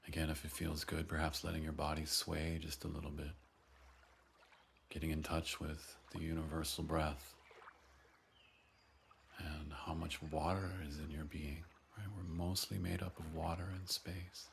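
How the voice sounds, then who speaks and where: A man guiding a breathing and voice meditation, giving soft, gentle, unhurried instructions between long audible sighs. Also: very deep voice, flat delivery, creaky, slight background noise. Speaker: breathwork and voice teacher.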